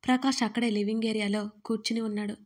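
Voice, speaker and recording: A woman with a fairly high voice reads a dramatic story aloud. Her delivery is expressive and measured, as a storytelling host. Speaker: story narrator.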